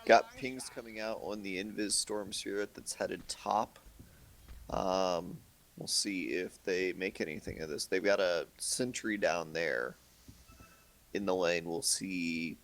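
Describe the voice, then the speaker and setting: A man giving measured, analytical co-commentary on a live video game match. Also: low-pitched. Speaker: esports co-commentator.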